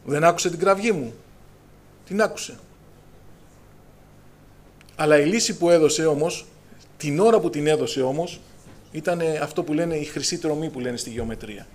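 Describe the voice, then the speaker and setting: A man's voice: a little high, long pauses. A middle-aged man preaching a fervent Pentecostal sermon, raising his voice when he quotes scripture and calling out to his listeners. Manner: fervent, preacher's call-and-response, raises voice on scripture.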